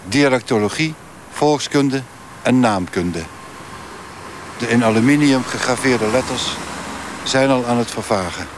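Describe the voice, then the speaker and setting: A man, a radio reporter, narrating in a calm, measured way. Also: medium pitch, noisy background. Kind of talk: scripted narration and on-location interviewing.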